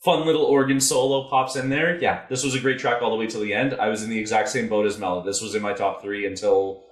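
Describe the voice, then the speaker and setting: A man hosting a relaxed album review chat, with a fairly low voice that talks through each track steadily. The room around him is noticeably echoey. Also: fast talker. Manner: thoughtful, steady, leads the segments. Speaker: podcast host.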